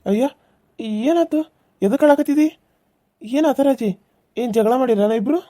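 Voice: high voice, lively intonation, measured pace, mellow, pitched above the performer's own voice. A voice actor doing an exasperated husband. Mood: concerned. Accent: North Karnataka Kannada. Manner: exasperated, complaining. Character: flustered married man caught between two women. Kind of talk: cartoon serial voice acting.

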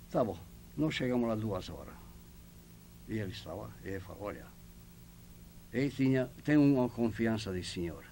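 An older man from Yugoslavia tells stories in lively, broken Portuguese, a second language for him. His voice is gravelly, and his pitch swings widely as he acts out the other people in each story. A faint hiss of noise sits under the recording. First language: not Portuguese. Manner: animated storyteller acting out dialogue, broken Portuguese. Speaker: oral history interviewee. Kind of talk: oral history storytelling.

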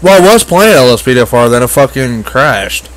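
A young man chats casually with friends while streaming a game. He trades crude insults and teasing jokes. His voice sits at an ordinary pitch. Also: sing-song, fairly quick. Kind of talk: casual gaming chat with friends.

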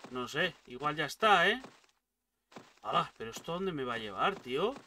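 Excitable, foul-mouthed gamer man. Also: fairly high pitch, moderate pace, far from the mic, a little hiss or hum. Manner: excitable, swears a lot, yelps at jump scares. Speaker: gaming streamer. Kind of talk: casual let's-play commentary.

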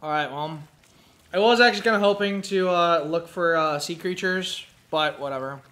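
Man, casual gameplay commentator, slightly high voice, profane and mumbly. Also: normal speed, pushed and bright. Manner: profane, muttering to himself.

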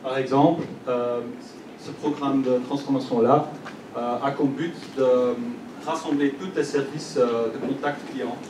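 Giving a conference talk in a big hall, a young Belgian-accented man of medium pitch stumbles through fillers and restarts in French, a language he learned later. The background is noisy, and the far-off mic catches plenty of echo.

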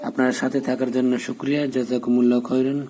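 A man teaching a prayer, spelling out letters and vowels at a quick clip, then chanting the joined words slowly. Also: medium pitch, monotone, dark tone, a little hiss or hum. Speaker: Quran recitation teacher. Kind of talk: spelling out and reciting Arabic prayer.

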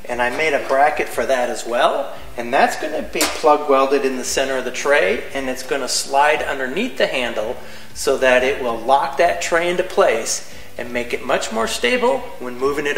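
A man in his forties giving plain, practical step-by-step welding instruction in a large metal workshop. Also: medium pitch. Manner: practical, plain-spoken, explains each step. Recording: echoey workshop with faint music.

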